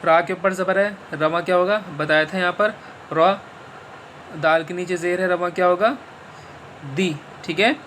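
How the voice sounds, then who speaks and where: A man teaching Quran reading slowly, spelling out letters and syllables one by one and patiently quizzing the listener as he goes. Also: sits high, a bit bright, a little hiss or hum. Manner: patient, repeats letters and asks the listener questions. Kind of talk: slow spelling-out lesson.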